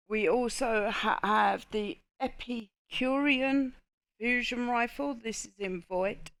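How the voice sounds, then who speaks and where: A woman's voice: medium pitch, no echo. A woman with a Cockney accent narrating a casual video game guide. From England. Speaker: gaming video host.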